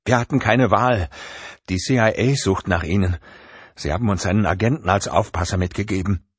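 A man's voice: fairly low pitch, fairly quick, slightly rough, no room sound. A male narrator voicing a frightened woman captive who pleads in tears. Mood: tearful pleading. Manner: pleading, tearful.

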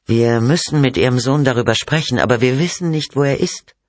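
A man's voice: mid-range voice, brisk, no room sound, voice pushed up, lightly acted. A man voicing a persistent female police detective who asks firm, probing questions.

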